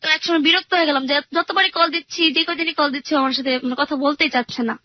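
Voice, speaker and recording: A woman's voice: high-pitched, quick pace, no room sound, dull audio. A young woman earnestly retelling her own life story in a rambling way, with many fillers. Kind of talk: personal storytelling interview.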